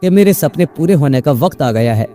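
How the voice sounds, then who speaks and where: Male narrator doing a playful storybook witch, teasing, mellow low voice. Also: expressive, soft background music, natural voice.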